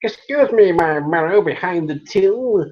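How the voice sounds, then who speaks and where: A man doing a silly, overly polite voice as a fussy male customer at a library counter, higher than his usual voice. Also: expressive, a little slow, muffled recording. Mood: prim.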